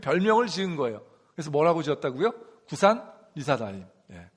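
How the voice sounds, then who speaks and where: High-voiced Korean pastor preaching a sermon. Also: male voice, very animated, a little fast, husky. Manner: call-and-response questions to the congregation; rhythmic repetition for emphasis. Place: church sanctuary.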